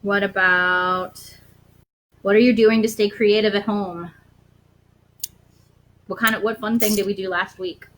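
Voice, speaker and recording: A woman's voice: mid-range voice, fairly even intonation, a little slow, long pauses, a bit bright, poor audio. A woman and parent casually interviewing her child at home, prompting with leading questions and filling in answers. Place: family home.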